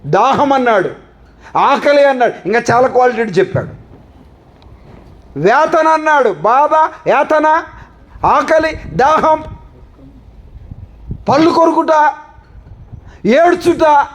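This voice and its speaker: A man's voice: very high-pitched, animated, takes it slowly, long pauses, fairly bright tone, poor audio. A man pastor preaching a sermon into a microphone, with rhetorical questions and repeated lists. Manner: rhetorical questioning, repetitive listing. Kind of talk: Telugu sermon with congregation call-and-response.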